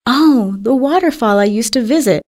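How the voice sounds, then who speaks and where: A woman voicing a young blind girl in a storybook reading, pitching her voice up and speaking eagerly. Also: animated, moderate pace, darkish tone. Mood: joyful. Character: young blind girl, upset then overjoyed.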